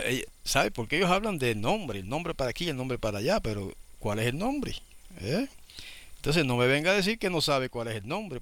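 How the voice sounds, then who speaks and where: A man's voice: mid-range voice, fairly bright tone, no echo. A man preaching a sermon, explaining things and often asking his listeners rhetorical questions. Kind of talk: sermon teaching.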